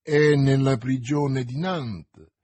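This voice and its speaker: A man's voice: medium pitch, steady tone, takes it slowly, a little mellow, breathy edge, no echo. A man playing a cold, calculating cardinal. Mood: commanding. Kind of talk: audiobook character reading.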